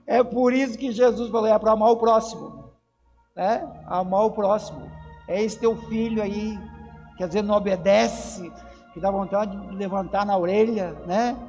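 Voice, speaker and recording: A man's voice: sits high, fairly even intonation, normal speed, darkish tone. A Brazilian man, a pastor, preaching an emphatic sermon in church and calling out to the congregation. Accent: Brazilian Portuguese. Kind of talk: lively Pentecostal sermon. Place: church sanctuary. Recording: church hall reverb with faint music.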